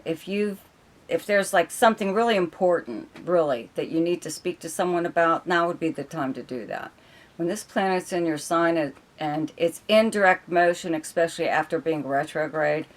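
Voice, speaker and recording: A woman reading a monthly horoscope forecast as an astrologer, rambling with many fillers and checking in with "okay?", her voice going hoarse. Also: low-pitched. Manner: rambling, filler-heavy, keeps adding "okay?". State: losing her voice.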